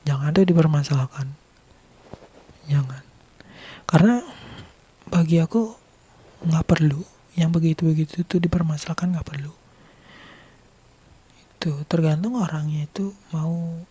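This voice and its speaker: A man from Bali with a Balinese accent, chatting casually to his viewers, laughing often and sometimes dropping into a soft whisper. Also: fairly high pitch, normal speed, long pauses, slightly rough. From Bali, Indonesia. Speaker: vlogger.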